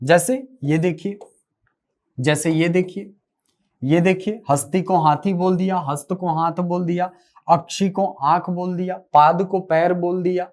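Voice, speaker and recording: Male lecturer, live class; unhurried, repetitive, chatty asides to students. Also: high-pitched, steady tone, a little mellow. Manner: repeats key phrases, asks and answers own questions. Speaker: teacher.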